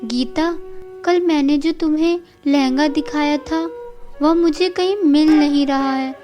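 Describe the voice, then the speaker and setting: A woman's voice: high voice, a little slow, mellow, soft background music. A woman voicing a kind, hardworking young woman heroine who speaks earnestly. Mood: upset. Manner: earnest and pleading.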